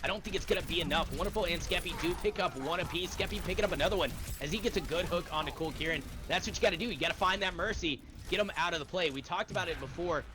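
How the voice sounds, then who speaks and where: High-voiced man calling esports plays. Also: racing, noisy background. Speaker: esports caster. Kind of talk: play-by-play commentary.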